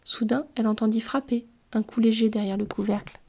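A woman reading a storybook aloud in a calm, measured way. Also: fairly high pitch, creaky, husky. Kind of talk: scripted storybook narration.

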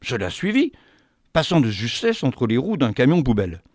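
A man telling a fantastic tale in an expressive, theatrical way. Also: medium pitch, moderate pace, dry recording, clean studio sound. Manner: animated, theatrical. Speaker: storyteller.

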